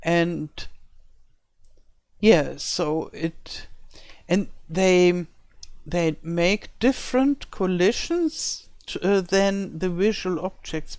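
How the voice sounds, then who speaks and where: Building a game map and thinking aloud, this older let's-play creator from Germany occasionally hunts for words in English, her second language, which carries a German accent. She records at home in rural France. Her voice is on the low side with a darkish tone, and there's no echo.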